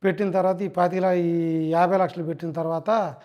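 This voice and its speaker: A man talks quickly in a fairly high voice. He tells his account in a hurried, repetitive way and keeps politely addressing the interviewer as sir. It sounds like an unscripted interview. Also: little pitch movement, a little mellow. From Andhra Pradesh. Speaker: fraud victim. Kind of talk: casual recounting interview.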